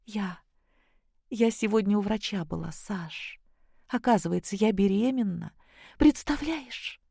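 Reader voicing a young wife, soft and tearful, hushed lines, dry close sound. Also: medium pitch, measured pace, creaky, husky, no echo, pitched above the performer's own voice.

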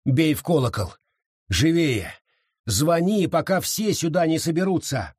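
A man's voice: sits high, expressive, measured pace, darkish tone, breathy edge, no room sound, clean studio sound, pitched above the performer's own voice, heavily acted. A man doing an urgent, commanding sheriff.

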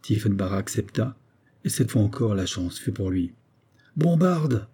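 A man reading a historical novella aloud in a measured, even storytelling manner. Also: lowish voice, husky. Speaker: audiobook reader. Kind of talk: audiobook narration.

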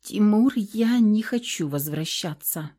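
A woman's voice: mid-range voice, expressive, slow pace, warm tone, husky. A woman reading a frightened, pleading young wife. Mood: trembling. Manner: trembling, pleading. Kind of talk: audiobook character reading.

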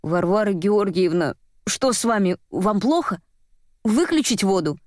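A woman's voice: mid-range voice, animated, measured pace, darkish tone, no room sound, studio quality, close to an everyday voice. A woman reading a story aloud voices a timid, clumsy, polite young male courier who speaks hesitantly and keeps apologizing. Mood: worried.

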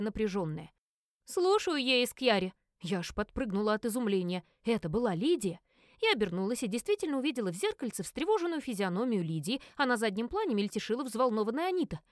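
A woman narrating an audiobook in the first person, wry and expressive. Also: fairly high pitch, no echo, clean studio sound.

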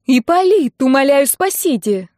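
A woman's voice: a little high, very animated, measured pace, a little mellow, no room sound, clean studio sound. A woman voicing a brash, scheming young woman who pleads theatrically and snaps angrily. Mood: pleading. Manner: pleading, sniffling on cue.

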